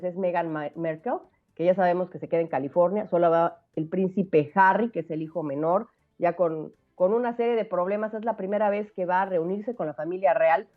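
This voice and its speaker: A woman giving chatty, lively radio commentary. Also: medium pitch. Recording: tinny phone line.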